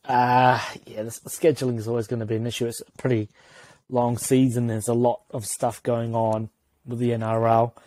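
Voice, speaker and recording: A man's voice: mid-range voice, flat delivery, moderate pace, darkish tone. A man giving earnest opinions in a casual sports chat, sometimes stumbling over his words.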